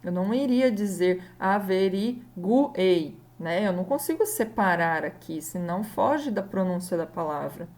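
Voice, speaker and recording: A woman's voice: medium pitch, darkish tone. A woman teacher, patiently explaining a grammar lesson and spelling out letters one at a time. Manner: patient, slow, spells out letters and checks in often.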